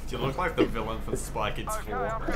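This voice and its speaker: A man in casual gaming chat with friends, loud, swearing and joking. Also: mid-range voice.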